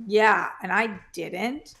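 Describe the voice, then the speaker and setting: A woman co-hosting a film podcast, chatting with eager, rambling enthusiasm. Her voice is mid-pitched for a woman and has a lot of gravelly vocal fry. She often trails off in the middle of a thought. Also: slow pace, pushed and bright. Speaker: podcast co-host. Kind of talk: casual movie chat.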